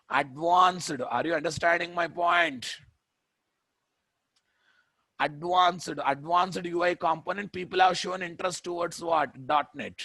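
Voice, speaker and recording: A male programming instructor speaks with a Telugu Indian accent in a fairly high voice. He lectures in a classroom style, repeating key phrases emphatically and throwing questions at his listeners. The sound is dry, with very little echo. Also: fairly bright tone.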